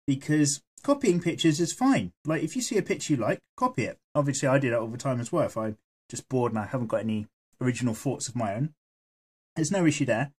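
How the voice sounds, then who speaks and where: A man chatting casually while he draws, rambling and swearing freely as he goes, with a voice that is going hoarse. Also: mid-range voice, expressive, fast. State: losing his voice. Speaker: art vlogger. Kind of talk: casual chat while drawing.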